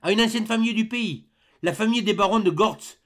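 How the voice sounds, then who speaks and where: A man's voice: high-pitched, brisk, a bit bright, voice pushed up. A man voicing an older village elder who answers in a respectful, matter-of-fact way. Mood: informative.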